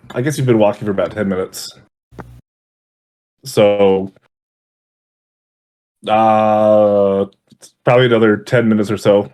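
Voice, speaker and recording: A man narrating as game master of a tabletop game, halting and often correcting himself. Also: lowish voice.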